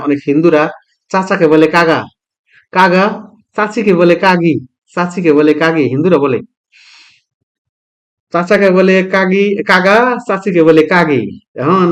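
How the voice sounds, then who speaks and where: A middle-aged man teaches a vocabulary lesson in a slightly high voice. He repeats each word and poses questions that he answers himself. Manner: repeats words, asks and answers own questions. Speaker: language teacher.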